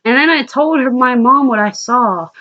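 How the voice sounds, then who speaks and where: A woman's voice: high-pitched, moderate pace, pushed and bright, highs cut off. A woman vlogger telling a personal story in a casual, rambling way, swearing freely and restarting her sentences.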